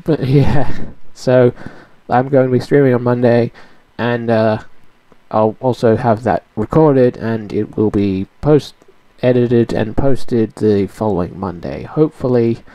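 A young Australian man chatting casually to camera, rambling and poking fun at himself. His voice is mellow and relaxed. The desk mic sounds close and dry. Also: medium pitch, measured pace, dry recording, poor audio. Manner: rambling, self-mocking. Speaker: vlogger. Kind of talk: casual chat.

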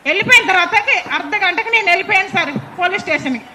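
High, bright-voiced woman. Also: racing, slight background noise. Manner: urgent, insistent retelling, often addressing the listener as sir. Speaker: mother recounting an incident. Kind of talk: emotional spoken account to an interviewer.

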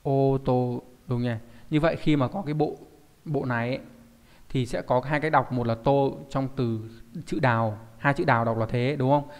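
A man's voice: mid-range voice, steady tone, moderate pace, in a large hall. A man teaching a recorded online kanji lesson, explaining step by step and often asking rhetorical check-in questions. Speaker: Japanese teacher.

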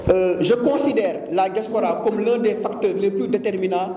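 A man's voice: high voice, normal speed, mellow, a little hiss or hum. A man in his forties from Senegal, a business leader giving an earnest, emphatic press conference statement with frequent hesitations, holding a handheld mic in a conference room. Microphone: handheld mic among a cluster of press mics. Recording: roomy hall from a distance.

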